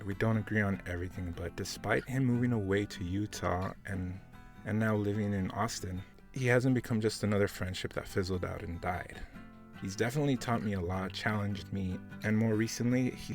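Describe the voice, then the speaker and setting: A male podcast host reads a scripted introduction in a measured way. His low voice is gravelly and full of fry. Soft plucked guitar plays faintly behind him. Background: faint guitar music.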